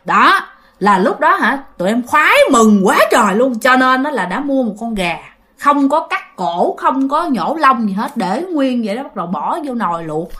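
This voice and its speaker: A woman's voice: fairly high pitch, sing-song, normal speed, sharp tone. A woman telling a ghost story casually and animatedly, repeating words for effect and talking straight to her listeners.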